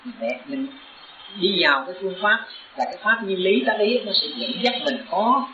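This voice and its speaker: A man's voice: high-pitched, lively intonation, normal speed, pushed and bright, a little hiss or hum. A Buddhist teacher, preaching to his disciples in an earnest, exhorting tone that climbs into urgent emphasis. The recording is roomy and echoing. It also sounds dull and lo-fi. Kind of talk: sermon to disciples.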